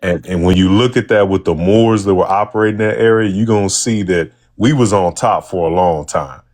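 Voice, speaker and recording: A man's voice: low voice, fairly quick, darkish tone. A man from Chicago calling in to a casual chat, earnest and a little hesitant. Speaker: caller.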